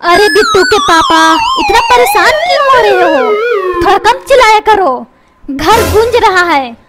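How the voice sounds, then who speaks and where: Over music, a woman voices a bossy cartoon mother who scolds and threatens her husband and son. Her very high-pitched, heavily acted delivery swings hugely in pitch and is unhurried.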